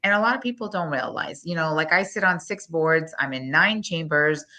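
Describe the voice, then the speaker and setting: A woman from Guyana in her forties, whose voice sits low with a sharp edge, is interviewed as a business owner making a promotional pitch. With her Guyanese accent, she speaks bluntly and emphatically in a fast stream.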